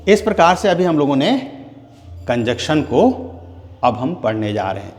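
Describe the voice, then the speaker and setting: A man teaching English grammar in a classroom-style lesson, dictating word by word and checking in with "clear?" as he goes. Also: mid-range voice, big pitch swings. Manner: slow, drawn-out dictation, asks "clear?" often; spells out words one at a time. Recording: long hall reverb, faint noise.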